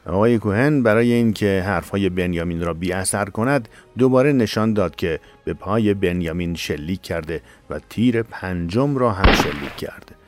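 A man narrating a tense audiobook story in a steady, measured way. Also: low voice. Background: faint music.

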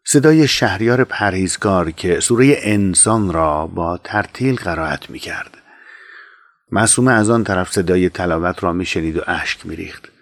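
A man narrating an audiobook in a measured, calm storytelling manner. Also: low voice, no room sound.

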